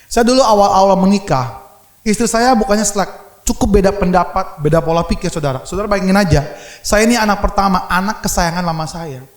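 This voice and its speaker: A man's voice: high voice, fast talker, echoey room. A male evangelist preaching a sermon, telling humorous family stories and often addressing the congregation directly.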